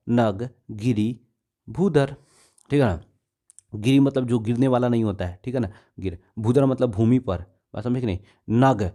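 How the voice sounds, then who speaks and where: A man's voice: on the low side, a little mellow. A man with a Bihari Hindi accent teaching an exam-prep grammar lesson, repeating words and often checking whether students understood.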